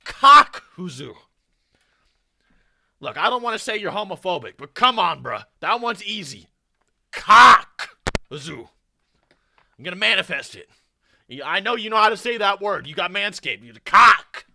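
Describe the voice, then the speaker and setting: Very bright, animated streamer man. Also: high voice, fairly quick. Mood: mocking. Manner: loud, teasing, swings between shouting and mumbling; rambling explanations with many fillers. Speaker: streamer reacting to a video. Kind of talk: casual reaction commentary.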